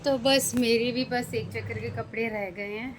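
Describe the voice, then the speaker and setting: A woman's voice: on the high side, steady tone, normal speed. A young Indian mother chatting through a casual home vlog while coaxing her toddler, filmed on a handheld phone. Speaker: vlogger and mother. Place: home, indoors. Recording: noisy home phone recording.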